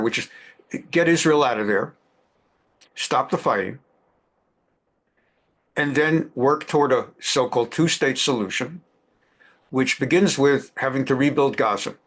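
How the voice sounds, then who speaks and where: A man's voice: mid-range voice, a bit bright. A man teaching a lecture on current events who talks emphatically and repeats phrases for stress. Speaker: religious teacher.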